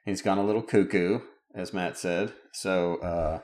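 A man's voice: low-pitched, steady tone, unhurried, a little mellow. A man acting as game master, casually explaining rules and narrating a tabletop session.

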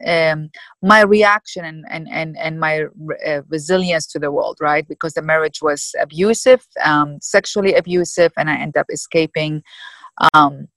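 A woman in her fifties from Iraq, answering interview questions thoughtfully with many pauses and fillers. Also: deep voice, fairly even intonation, fairly bright tone, no echo, rough recording. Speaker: guest.

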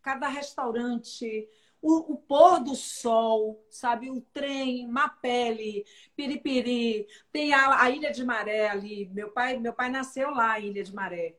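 A woman's voice: on the high side, slow pace, a bit bright. A woman from Salvador, hosting an interview and speaking with emphatic enthusiasm. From Salvador, Bahia, Brazil. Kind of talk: casual interview chat.

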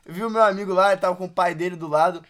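A man telling a lively story in a casual podcast chat. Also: sits high, rapid-fire. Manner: lively, laughing while he tells it. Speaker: podcast co-host.

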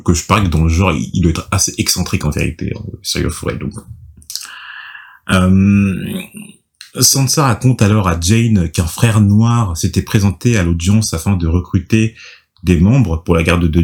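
Young man, very deep voice, casual book talk, halting, many fillers. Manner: relaxed, hesitant, many fillers and restarts. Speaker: podcast host reading and discussing a novel. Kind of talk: casual chat with read-aloud summary.

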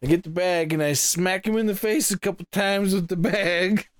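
A man casually narrating his actions as a player in a tabletop game, giggly and halting as he works them out. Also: high voice. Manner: giggly, hesitant phrasing.

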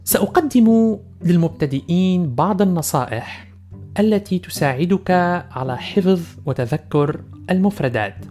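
A man's voice: high-pitched, animated, normal speed, warm tone, faint music behind. A man hosting a language podcast, presenting a scripted lesson in carefully enunciated formal Standard Arabic and in English.

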